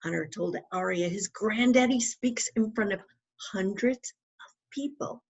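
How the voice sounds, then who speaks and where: Here the same kind of storytime comes through lo-fi audio: a woman's mid-range voice, a little slow, with a darkish tone and a breathy edge. The children's author reads her book expressively, stressing words and asking the kids questions.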